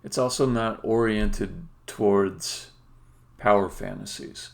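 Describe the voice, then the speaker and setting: A man who develops indie games speaks in a fairly low, gravelly voice. He's casual and hesitant, reasoning aloud while demoing on a live stream.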